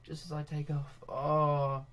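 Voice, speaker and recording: A young man commentating live on his own football management game, getting excitable when goals come and laughing at himself. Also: on the high side, slow pace. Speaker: gaming video host.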